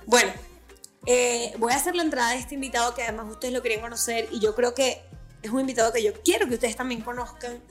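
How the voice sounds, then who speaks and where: A woman hosts a casual podcast in Caribbean Venezuelan Spanish. Her voice sits fairly high yet has a husky touch, and she talks in a teasing, irreverent manner over some music. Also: steady tone, fast. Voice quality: slightly husky. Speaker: podcast host. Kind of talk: casual, playful podcast chat.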